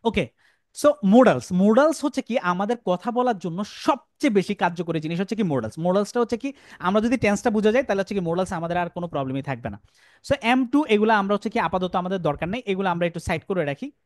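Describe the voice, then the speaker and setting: A man's voice: high-pitched, animated, a little fast, dry recording, studio quality. A male English teacher giving a classroom lecture, repeating phrases and asking the class questions.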